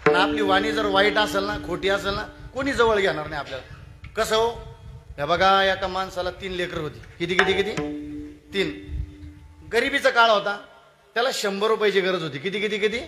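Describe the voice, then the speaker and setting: A man's voice: sits high, normal speed, over music. A man preaching a devotional kirtan, telling stories and asking the audience questions, repeating words for emphasis. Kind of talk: devotional sermon storytelling.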